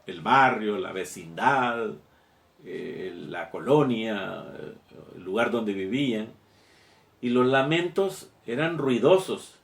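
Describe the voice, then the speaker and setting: A man preaches a sermon. He talks very slowly and haltingly, restarting his phrases. The room around him is echoey. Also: mid-range voice. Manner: slow and halting, with many fillers and repeated words.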